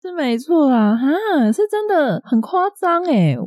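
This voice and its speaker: A woman, co-hosting a podcast and telling a childhood story in casual, animated chat with frequent laughter. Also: sits high, measured pace, dry recording, studio quality. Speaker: podcast co-host.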